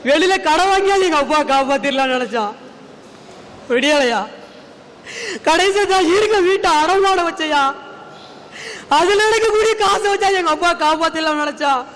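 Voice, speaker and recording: A man's voice: extremely high pitch, a bit bright. A young man, giving an earnest, pleading speech in a stage debate. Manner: earnest, pleading, addresses listeners with "ayya". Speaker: student debate speaker. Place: large hall on stage. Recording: hall reverb, faint background noise.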